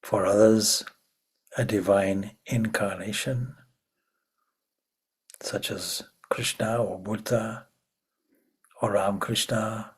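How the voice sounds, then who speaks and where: A swami guides a meditation very slowly, his voice very husky and breathy. He keeps a steady, fairly low tone, hushed and measured, with long pauses between short phrases.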